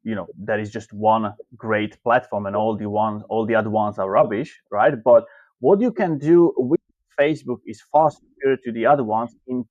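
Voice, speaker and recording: A man's voice: mid-range voice, dry recording. Man from slovakia on a video call, loose rambly answers, kinda dull dry audio. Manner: loose, filler-heavy phrasing. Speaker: guest, marketing coach. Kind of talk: interview answers.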